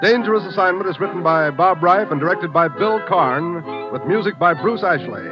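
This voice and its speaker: A man's voice: high voice, normal speed, highs cut off. A man giving formal, declaiming 1950s radio announcements. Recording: old radio broadcast with music.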